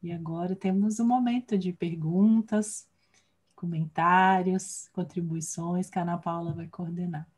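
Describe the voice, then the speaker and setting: A woman hosting an online event and announcing the question segment in a calm, formal way. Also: on the low side, a little slow, breathy edge. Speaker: event host.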